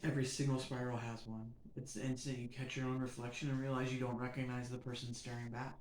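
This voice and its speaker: A man hosting a podcast, delivering a reflective scripted monologue in measured, earnest short phrases that build in emphasis. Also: mid-range voice, flat delivery, slight background noise. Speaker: podcast host. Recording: roomy echo.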